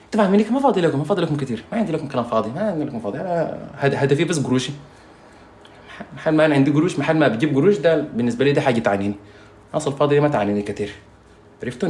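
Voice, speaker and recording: A man's voice: mid-range voice, roomy sound. A man with a Sudanese Arabic accent, a singer ranting casually to his viewers while doing his makeup, rambling and mocking, often asking if they understand. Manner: rambling, mocking, insulting, with frequent "you understand?".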